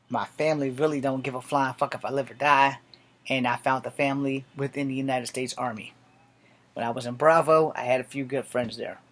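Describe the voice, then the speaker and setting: A man's voice: mid-range voice, a bit bright. A man in his late forties, an army veteran, speaking a blunt, profane and defiant personal monologue to camera. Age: 40s.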